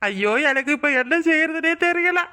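A teasing young village husband banters playfully, as a voice actor plays him. His voice is bright and light. He dotes on his wife in a cartoon scene. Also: high-pitched, animated, normal speed. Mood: pleading. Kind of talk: cartoon voice acting.

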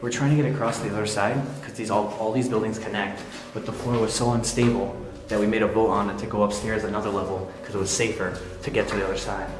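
Filming on a handheld camera inside a huge derelict resort, this young adult explorer rambles and speculates about the former purpose of every room, easily wowed by what he finds. He speaks quickly in a lowish, flat voice. Background noise runs under the audio.

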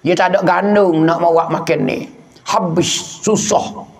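A man's voice: high-pitched, steady tone, measured pace. A man with a Patani Malay accent preaching a storytelling sermon and repeating phrases for emphasis. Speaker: Islamic preacher. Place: outdoor field at night.

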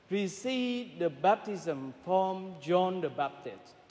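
A priest with a high-pitched voice reads the Gospel slowly and deliberately. His words hang in a long cathedral echo, as if spoken in a large church. When he preaches, he pauses and hesitates often. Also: darkish tone. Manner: measured, pausing delivery with frequent hesitations. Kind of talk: gospel reading and homily at Mass. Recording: long reverberant church hall.

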